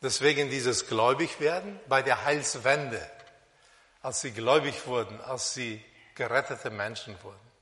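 A man preaching a sermon on a Bible passage, speaking slowly and deliberately with pauses and fillers, in a church hall. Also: medium pitch, bright, forceful tone. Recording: long reverb of a hall.

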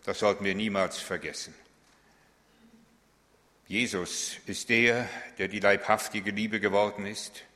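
A man's voice: fairly low pitch, steady tone, a little slow, pauses often, bright, forceful tone. A middle-aged man preaching a sermon, emphatic and full of rhetorical questions. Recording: long hall reverb.

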